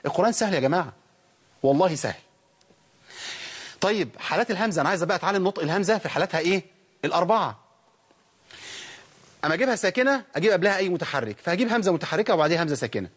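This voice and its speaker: A middle-aged Egyptian sheikh explains recitation rules to his class, throwing out questions and answering them himself. His voice sits a little high and sounds husky. He talks at a rapid clip. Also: expressive. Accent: Egyptian Arabic. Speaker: Quran recitation teacher.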